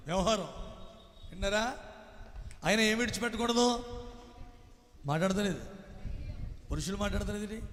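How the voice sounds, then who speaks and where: A man preaching with a high, ringing voice, his words trailing off into a long hall reverb. He moves between hushed, intimate stretches and shouted peaks. He keeps repeating phrases and putting rhetorical questions to the congregation. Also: vocal fry. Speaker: pastor. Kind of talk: sermon.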